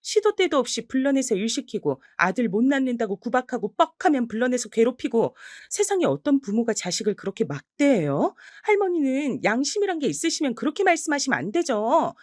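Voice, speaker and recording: A woman's voice: a little high, big pitch swings, normal speed, hardly any pauses, no echo, clean studio sound, pitched above the performer's own voice. A woman voicing a bold, outspoken teenage granddaughter who argues sharply and indignantly.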